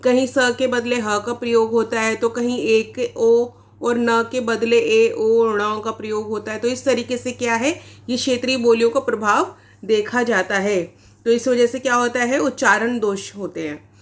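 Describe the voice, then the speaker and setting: A woman's voice: on the high side, steady tone, unhurried. A woman teacher giving an exam-prep lecture, explaining points step by step and asking rhetorical questions as she goes. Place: online class recording.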